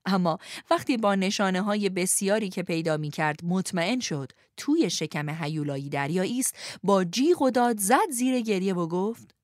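A woman narrating a storybook aloud, gently and expressively, speaking to young listeners. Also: medium pitch, animated, few pauses, no room sound, clean studio sound. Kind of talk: storybook reading.

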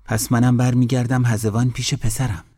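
A man's voice: mid-range voice, flat delivery, darkish tone, slightly rough, voice pushed up, lightly acted. A man voicing an agitated older village aunt who scolds her nephew, in a storybook reading. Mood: resigned.

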